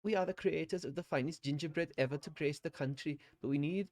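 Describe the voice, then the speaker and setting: A man voicing a proud sibling confectioner from the woods in a put-on German accent, reading game dialogue in a theatrical, drawn-out way. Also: fairly high pitch, a little mellow, no room sound, voice pushed up, lightly acted. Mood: grandly earnest. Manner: theatrical, drawn-out storybook delivery.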